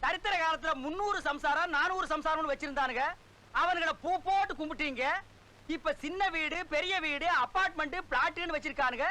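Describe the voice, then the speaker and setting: Shrill, ranting village sorcerer. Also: male voice, brisk, sharp tone, full character voice. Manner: mocking, ranting. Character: scolding village sorcerer, middle-aged man. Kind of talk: 1990s film comedy.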